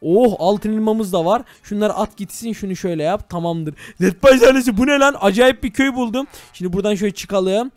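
A young man narrating a Minecraft let's-play to his viewers, excitable and full of exclamations. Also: high-pitched, fairly quick, hardly any pauses, no echo. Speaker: gaming YouTuber.

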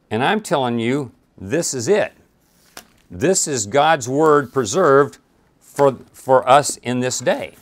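A man teaching a Bible study, reading scripture aloud and talking it through in a conversational way with frequent restarts and asides. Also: mid-range voice.

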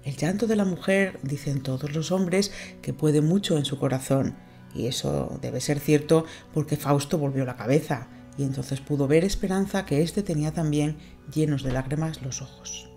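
A woman narrating an audiobook, reading a novel in a measured, expressive way. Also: deep voice, gravelly, soft background music.

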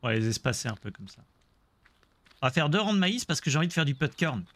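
A man's voice: a little high, sing-song, fast talker, fairly bright tone, no room sound. A man streaming a Let's Play, chatting casually about the game and joking with his viewers. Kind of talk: casual gameplay commentary.

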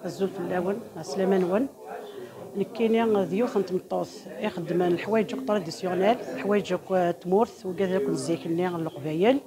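Brisk woman presenting traditional crafts. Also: mid-range voice. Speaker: craft exhibitor. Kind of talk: introducing her traditional crafts.

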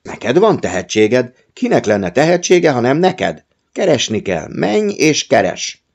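A man voicing a gruff old uncle who bellows and shouts in outbursts, in an audiobook reading. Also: mid-range voice, big pitch swings, muffled recording, pitched above the performer's own voice. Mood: exuberant.

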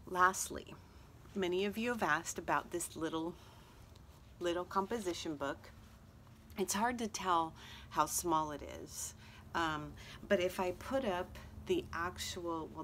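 Seated at a table outside, a craft vlogger with a fairly low, slightly bright voice talks casually to her viewers, drifting between topics with fillers and self-deprecating jokes. A faint hum of ambient noise sits behind her.

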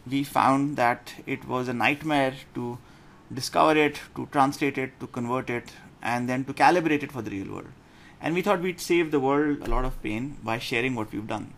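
A middle-aged man with a Pakistani accent giving an informal online lecture as a coach, in a blunt, halting way that repeats phrases for emphasis. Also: medium pitch. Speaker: business lecturer and pitching coach. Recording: clearly noisy room recording.

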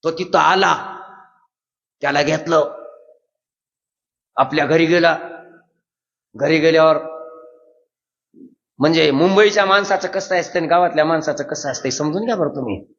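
A man, preaching a devotional sermon as a lively storyteller who asks the crowd questions. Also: fairly high pitch, moderate pace, gravelly, pauses often. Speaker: kirtan preacher. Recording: dull lo-fi sound in a long-echo hall.

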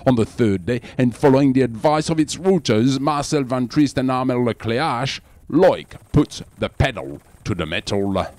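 A man with a French accent, reading scripted sailing news as the show's presenter in a measured, dramatic voice-over. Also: medium pitch, animated, a little mellow, no room sound. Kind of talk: scripted sports news narration.

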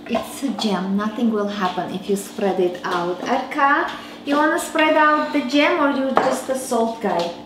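A fairly high-pitched woman speaks unhurriedly, with few pauses, over background noise. In her thirties and Armenian-accented, she hosts a home cooking show from a roomy kitchen, chatting with and teasing her child as she demonstrates a recipe amid clinking dishes and cutlery.

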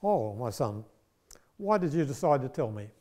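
A man voicing a gentle, persistent male priest who speaks calmly and coaxingly. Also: medium pitch, moderate pace.

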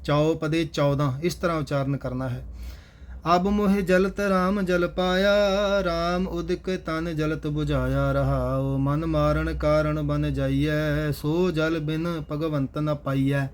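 A man with a Punjabi accent reciting scripture in a slow chant, pausing to explain how each word should be pronounced. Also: fairly high pitch, steady tone. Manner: measured, instructive, repeats each correct pronunciation. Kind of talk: slow chanted scripture reading with spoken pronunciation notes.

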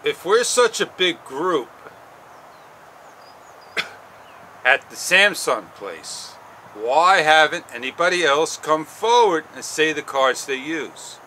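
A man in his forties vlogging outdoors, rambling slowly and haltingly with frustration, on a clip-on mic. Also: fairly high pitch, animated, pushed and bright, a little hiss or hum. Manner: slow, halting, frustrated rambling with long pauses. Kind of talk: casual walk-and-talk vlog. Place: outdoors on a sunny garden patio and paths. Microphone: small wireless clip-on mic.

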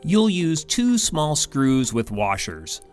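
Guy reading how-to steps, lively voice, quiet music behind. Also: a little high, slow pace. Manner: clear step-by-step instructions. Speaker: instructor. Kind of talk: scripted instructional voice-over. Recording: faint background music.

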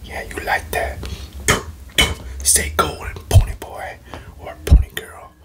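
A young adult man who makes ASMR videos whispers a tingly mouth-sound role-play, playful and teasing, with slow murmured repetitions. He records in a small indoor bedroom on a desk microphone placed close in front of him.

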